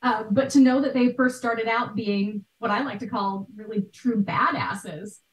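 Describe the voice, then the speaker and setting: A chatty midlife woman, an art historian who also hosts a podcast, is interviewed over video call and explains things with emphasis. Her slightly high voice is unhurried with fairly even intonation, picked up distantly by a computer mic in a small, bright home room with some echo.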